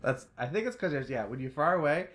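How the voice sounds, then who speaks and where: A man's voice: on the high side, animated, quick pace, fairly bright tone, slight background noise. A young man co-hosting a casual podcast, chatty and teasing, often restarting his phrases. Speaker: podcast co-host.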